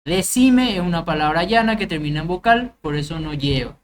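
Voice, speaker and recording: Paraguayan lady teacher, lowish voice, slow careful explaining, bit of faint hiss behind. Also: animated. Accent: Paraguayan Spanish. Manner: methodical, checks in with "¿bien?". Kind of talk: recorded grammar lecture.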